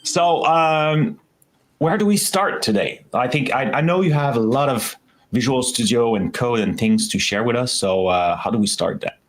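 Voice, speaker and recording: A man's voice: mid-range voice, animated, normal speed. A man hosting a casual community livestream, chatty and enthusiastic, with frequent restarts and fillers. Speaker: show host.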